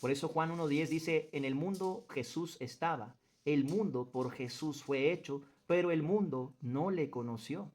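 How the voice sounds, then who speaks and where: A man's voice: fairly high pitch, a little slow, few pauses, a little mellow. A man with a somewhat raised voice leads a group Bible study. He talks in an earnest teaching manner, reads passages aloud, and puts questions to the group. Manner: earnest teacher who quizzes the group and stresses points.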